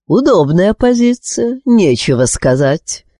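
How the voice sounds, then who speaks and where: A wise, calm male sorcerer from a storybook, played by a woman reader. He talks slowly with gentle irony, his pitch moving widely. The sound is dry and close. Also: no echo. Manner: calm, unhurried, gently ironic.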